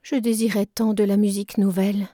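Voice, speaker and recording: Beth, a woman reading a shy gentle girl. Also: mid-range voice, little pitch movement, a little fast, no room sound, studio quality, lightly acted.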